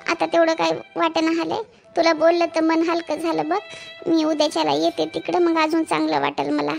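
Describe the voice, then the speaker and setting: A woman's voice: very high voice, completely flat delivery, brisk, creaky, soft background music, exaggerated voice. A woman voicing a tearful young married woman, a new mother, who sobs and pleads, in a cartoon. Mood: weary. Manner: sobbing, pleading. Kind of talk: cartoon voice acting.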